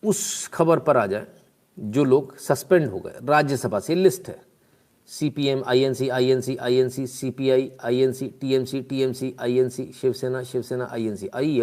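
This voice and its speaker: A man's voice: mid-range voice, a little mellow. A man hosting a live stream in casual commentary, exclaiming, asking rhetorical questions and reading out viewer comments.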